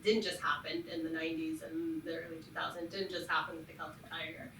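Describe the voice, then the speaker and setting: A woman panelist speaks reflectively in a very low but bright, forceful voice. She is heard from afar in an echoey room with faint ambience. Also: flat delivery, fast talker, a little hiss or hum. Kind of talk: panel discussion. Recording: echoey room, far from mic.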